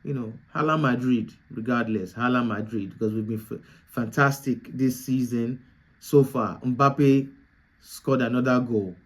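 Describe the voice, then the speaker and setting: A man's voice: medium pitch, steady tone, a little slow. Repetitive emphatic young man. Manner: repetitive, emphatic, restarts phrases. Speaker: football channel host. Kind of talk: casual reaction commentary.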